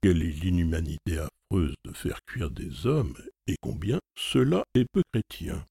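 A wide-eyed, credulous young man, performed by a male reader, who speaks plaintively. The voice is husky and gravelly and lifts higher in pitch than the narration. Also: sing-song, unhurried, mellow, no room sound, studio quality, heavily acted. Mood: dismayed. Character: naive, easily astonished young male hero.

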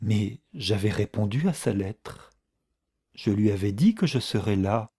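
A man voicing a quiet, gentle middle-aged woman in an audiobook reading, with a soft, unhurried manner. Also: lowish voice, animated, husky, dry recording, clean studio sound. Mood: calm.

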